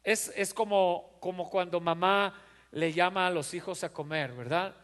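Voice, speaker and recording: Unhurried but fervent, this pastor preaches in a high, fairly bright male voice, acting out characters' voices in his stories and hammering phrases through repetition. The recording carries long hall reverb.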